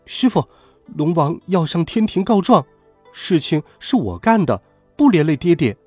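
A man's voice: on the high side, very animated, a little slow, a little mellow, slightly rough, dry recording, faint music behind, pitched above the performer's own voice, heavily acted. A man voicing a bold, mischievous young boy god in a storybook tale, speaking in a raised, eager and defiant way.

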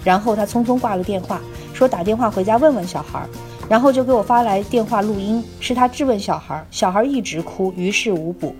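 Woman podcast co-host reading a listener's letter aloud in a plain, steady, mid-pitched voice, with faint music behind. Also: fairly quick.

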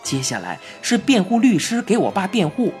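A woman with a Beijing accent narrating a children's story in an expressive, lively way. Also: medium pitch, moderate pace. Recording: faint background music.

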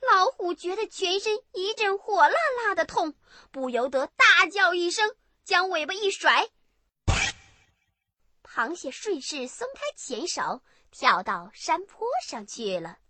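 A woman narrating a bedtime story for children in an expressive, animated way. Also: very high-pitched, a little slow, dry recording.

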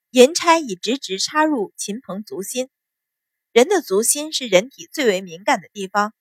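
A woman narrating a novel in an expressive storytelling style. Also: fairly high pitch, dry recording, clean studio sound. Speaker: audiobook narrator. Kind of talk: novel reading with character voices.

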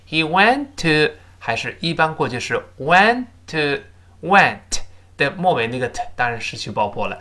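Middle-aged male teacher, animated delivery, slows down to model English words, patient repeat-after-me drills. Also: mid-range voice. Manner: models English words slowly and loudly, then explains in Mandarin; patient, repeats drills with "let's read it again". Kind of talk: spoken English lesson, explaining pronunciation and grammar.

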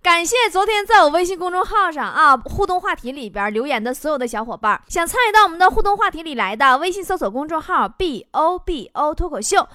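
A woman's voice: extremely high pitch, animated, a little fast, hardly any pauses, dry recording, studio quality. A young woman, hosting a comic storytelling monologue in a brash, teasing way. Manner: brash, teasing, bursts into shouting. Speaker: talk show host. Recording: loud background noise.

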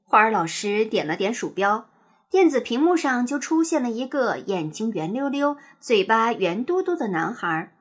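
A woman with a husky, fairly high-pitched voice reads a picture book for children aloud at normal speed, bringing an expressive, sing-song lilt to the story.

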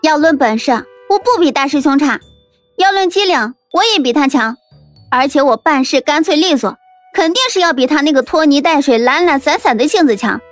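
A man voicing a feisty, bossy young daughter who snaps back with quick, scolding retorts in an audiobook. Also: very high-pitched, expressive, no room sound, soft background music, pitched above the performer's own voice. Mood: cocky, fierce.

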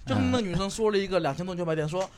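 A man's voice: high voice, rapid-fire, crowd noise. A man co-hosting a casual comedy chat, telling stories and acting out the quotes with lots of laughter. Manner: animated storyteller, acts out quotes, laughs often. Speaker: comedian co-host.

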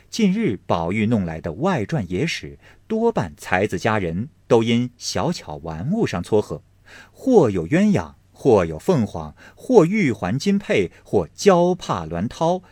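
A male audiobook narrator tells a classical novel with a lively, swinging delivery. His voice has a touch of huskiness. The recording is dry and close, with no room sound. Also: fairly low pitch, no echo. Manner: expressive, measured storytelling.

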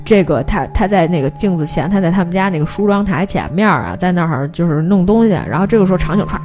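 Woman, podcast host, very lively pitch, casual storytelling. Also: fast, faint music behind. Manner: animated storytelling, briefly mimics characters' lines. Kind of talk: casual film plot recap.

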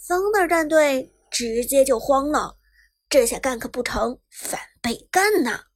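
A woman narrating a web novel chapter in brisk storytelling style, lifting her voice on the action. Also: high voice, expressive. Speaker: audiobook narrator. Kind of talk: scripted narration.

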